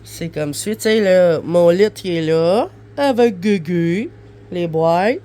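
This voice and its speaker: This woman's lowish voice is mellow, animated and slow, though clogged and stuffy from the flu. A vlogger in her thirties with a Québécois French accent, she chats loosely from bed in her bedroom, with many fillers.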